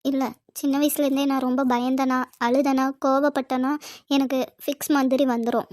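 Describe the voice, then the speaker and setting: A woman's voice: high voice, little pitch movement, normal speed, darkish tone, no room sound, close to an everyday voice. A woman as a playful, teasing young woman. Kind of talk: amateur cartoon voice acting.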